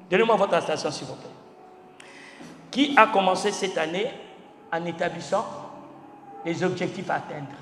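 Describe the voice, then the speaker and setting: Male pastor, very high voice, emphatic sermon with shouts and drops; reverberant church hall. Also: a little hiss or hum. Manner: emphatic preaching, swinging from shouts to near-quiet; spells out words letter by letter, asks the congregation questions. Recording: echoey church hall with faint music.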